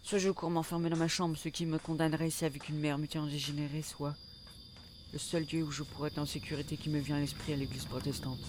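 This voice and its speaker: A man's voice: fairly high pitch, little pitch movement, quick pace, background noise. A man narrating a first-person audio drama in a tense, urgent way. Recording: loud music under the voice.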